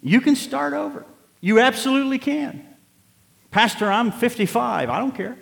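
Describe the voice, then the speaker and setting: A man's voice: very high-pitched, lively intonation, normal speed, creaky, a bit bright, big-room sound. A pastor in his late fifties preaching a sermon, moving from conversational reflection to emphatic, rising exhortation. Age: 50s. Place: church sanctuary.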